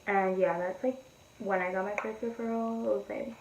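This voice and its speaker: Gravelly teen girl ranting in an echoey room. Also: mid-range voice, fairly even intonation, moderate pace, dull audio, slight background noise. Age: teens. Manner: rambling, filler-heavy, profane and blunt. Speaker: beauty vlogger. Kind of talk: casual storytime chat while doing makeup.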